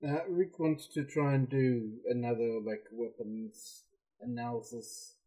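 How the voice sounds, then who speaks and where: A man playing a tabletop role-play game, describing his character's actions with many pauses and fillers. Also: medium pitch, steady tone, dark tone, slightly rough, rough recording. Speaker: player.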